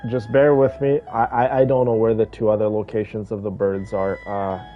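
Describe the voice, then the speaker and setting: At a normal speed and with a level tone, a fairly low-voiced man provides chatty, gushing game commentary aimed at his viewers. His stream sounds dull and band-limited, backed by music.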